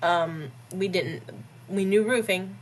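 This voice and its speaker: Woman, 30s, podcast guest; blunt, jokey, quick to laugh, slightly low voice. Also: a little hiss or hum. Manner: blunt, joking, animated, laughs often between phrases. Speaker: podcast guest, business owner. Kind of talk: casual conversational interview.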